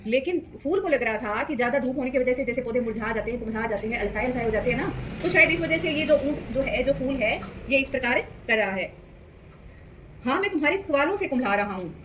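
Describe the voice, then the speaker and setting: A woman's voice: fairly high pitch, fast talker, few pauses, slight background noise. A woman teacher reading a story aloud to children, explaining as she goes and asking the listeners questions. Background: background music.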